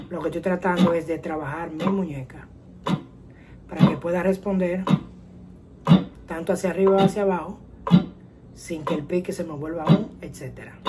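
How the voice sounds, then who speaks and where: A woman teaching a guitar lesson, explaining calmly step by step and counting rhythms out loud. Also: deep voice, very noisy. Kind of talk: casual music lesson. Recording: guitar and metronome playing behind. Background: guitar playing and metronome clicks.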